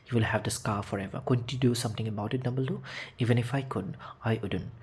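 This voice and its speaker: A man voicing an old, wise male wizard headmaster who speaks in a measured, unhurried way, in a storybook reading. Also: medium pitch, fairly even intonation, darkish tone, slightly rough. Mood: calm.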